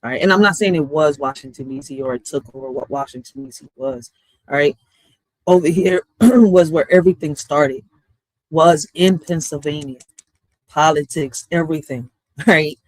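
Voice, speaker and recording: A man's voice: a little high, moderate pace, no room sound, rough recording. Casual streetwise man hosting a livestream. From Puerto Rico. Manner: street-casual, repeats "all right?" and curses. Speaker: livestream host.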